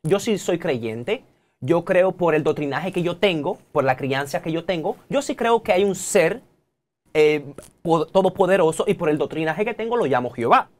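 Lively Dominican man lecturing animatedly. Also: fairly high pitch, normal speed. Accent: Dominican Spanish. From Dominican Republic. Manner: animated, preachy, gestures a lot and keeps addressing the audience directly. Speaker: technology guest. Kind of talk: TV studio interview. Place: TV studio.

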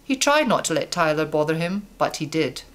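A woman reading a children's story aloud as narrator, calm and steady. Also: low voice, fairly quick.

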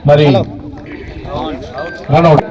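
Over crowd noise, a local cricket commentator with a Telangana Telugu accent speaks very slowly, calling an amateur match live and informally while chatting to the players. He's outdoors at the ground, and the mic picks him up with a distant outdoor quality.

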